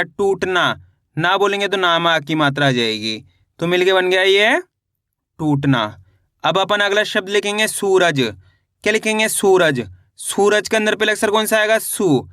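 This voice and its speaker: A man's voice: high voice, bright, forceful tone, dry recording, studio quality. A man teaching children to read and write words, spelling each one out syllable by syllable and answering his own questions. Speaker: Hindi literacy teacher.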